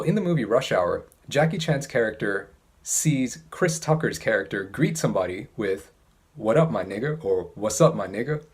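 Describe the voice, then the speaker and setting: A man giving an instructional talk as an English teacher, speaking in a precise, measured way with careful enunciation. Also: mid-range voice, darkish tone, slightly rough.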